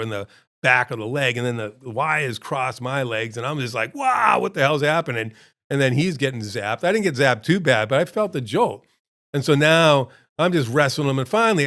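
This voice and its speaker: Rambling man telling a wild story. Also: a bit bright. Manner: rambling, acts out quotes with big pitch jumps. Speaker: restaurant owner and show host. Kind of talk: casual storytelling.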